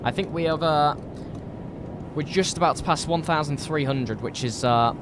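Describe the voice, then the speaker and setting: A British man with a slightly croaky voice from a cold, chatting informally and thinking aloud as he live streams a flight sim. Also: on the high side, moderate pace, background noise. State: recovering from a cold. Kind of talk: casual live stream chat while flight simming.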